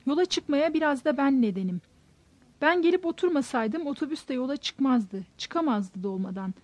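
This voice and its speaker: A woman's voice: high-pitched, lively intonation, moderate pace, a little mellow, no echo. A woman voicing an anxious, troubled man. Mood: frantic. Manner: tense, questioning inner monologue.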